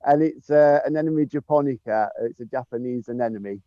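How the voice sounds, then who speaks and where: The head gardener gives a casual tour of a sunny garden, filming on a handheld phone as he walks and chuckling often between ums. His voice is medium-pitched and a little fast, and the recording is dry and muffled.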